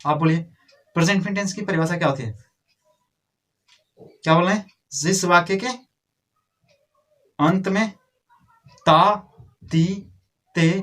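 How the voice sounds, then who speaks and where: A man's voice: fairly high pitch, a bit bright. A man teaching a grammar lesson to a class, drilling and correcting pupils in a scolding, repetitive way.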